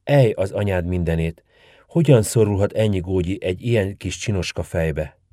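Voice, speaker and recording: Fussy sharp-tongued old village woman, voiced by a male storyteller, dark low tone. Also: no echo, studio quality. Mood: bossy. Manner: scolding, folksy and bustling.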